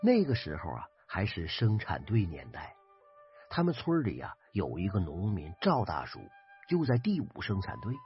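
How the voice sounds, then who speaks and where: A man with a Northeastern Chinese accent telling a folk ghost story in a lively, dramatic way. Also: fairly low pitch. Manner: lively, dramatic retelling, husky. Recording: dry, slightly dull recording with faint music.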